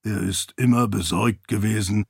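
A man voicing a deep-voiced, formal and courteous floating spirit servant in an audiobook. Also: fairly even intonation, moderate pace, vocal fry, husky, no room sound, clean studio sound.

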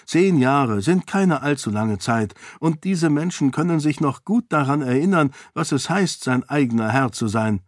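A man's voice: medium pitch, expressive, normal speed, few pauses, no echo, clean studio sound, pitched above the performer's own voice, natural voice. A man voicing a resolute young princess who argues firmly and urgently with a council of lords. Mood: firm persuasive. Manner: firm, persuasive, urgent.

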